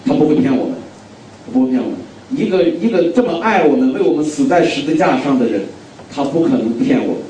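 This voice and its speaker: Mellow-voiced preacher in an echoing hall. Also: male voice, a little high, a little hiss or hum. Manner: emphatic, repeats key phrases, asks the audience questions. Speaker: guest preacher. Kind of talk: sermon. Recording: very echoey hall, distant mic.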